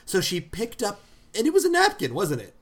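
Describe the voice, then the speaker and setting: A man's voice: sits high, wildly swooping pitch, brisk. A man co-hosting a podcast, telling a long story in casual chat with many restarts and laughs. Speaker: podcast co-host.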